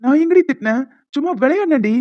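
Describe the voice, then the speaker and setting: A woman voicing a young man in an animated cartoon, an affectionate, teasing fiancé who coaxes and reassures his bride-to-be. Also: high voice, quick pace, dull audio. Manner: playful, coaxing, reassuring.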